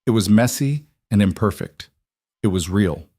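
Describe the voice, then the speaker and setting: A man narrating a frontier romance story in a measured, even storytelling manner. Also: fairly low pitch, slightly rough, dry recording, studio quality. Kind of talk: scripted narration.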